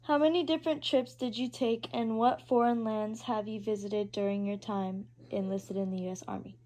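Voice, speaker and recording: A woman interviewing her uncle at his house, reading prepared questions in a steady, formal way. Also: a little high, moderate pace. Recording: poor quality home recording.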